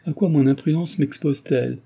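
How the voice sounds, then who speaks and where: A man's voice: normal speed, warm tone, husky, lightly acted. A male audiobook reader voicing a proud, distressed young woman heiress, pleading and emotional in tone. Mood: ashamed, agitated. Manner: pleading, emotional, high-strung. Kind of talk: audiobook reading.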